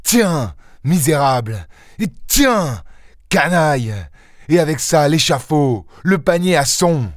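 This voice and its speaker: A man reading an audiobook voices a boastful, witty gentleman thief with theatrical exclamations. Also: mid-range voice, lively intonation, a little slow, dry recording, clean studio sound, natural voice. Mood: furious. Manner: theatrical, exclaiming, mock-indignant.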